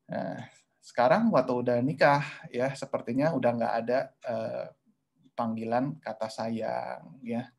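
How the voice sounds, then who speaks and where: A man's voice: mid-range voice, steady tone, a little slow, vocal fry. A male pastor speaking to married couples in an online webinar, talking in a conversational sermon style with frequent "ya" and "gitu ya" tags. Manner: conversational and repetitive, often adding "ya" and "gitu ya"; acts out quoted lines in a raised voice.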